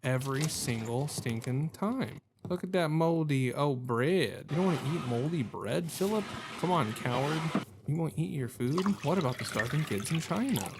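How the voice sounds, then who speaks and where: A man with a fairly high, animated voice hosts a gaming video at normal speed, offering casual let's-play commentary. He thinks aloud in a wry, jokey way while game sounds and noise play behind him.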